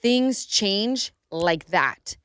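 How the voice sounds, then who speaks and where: A woman hosting a podcast in casual chat, calmly asking questions and steering the talk. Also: medium pitch, extremely slow, clean tone, no room sound, clean studio sound. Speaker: podcast host.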